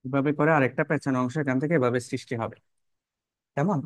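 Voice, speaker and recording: While drawing through a biology lesson, a male teacher repeats important terms and often quizzes his students, checking in with "কেমন?" and rhetorical questions. His medium-pitched voice is steady and quick, recorded without echo.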